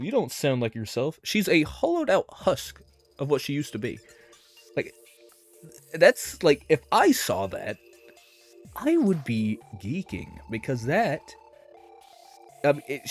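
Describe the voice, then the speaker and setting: A man's voice: a little high, a little mellow. A man giving a casual, rambling commentary review of a cartoon episode, with lots of fillers and hedges.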